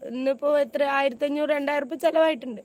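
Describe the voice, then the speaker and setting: A woman with a hoarse voice after throat surgery, making an agitated, insistent video complaint as a YouTuber and mother of five. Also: high voice, quick pace, a little mellow.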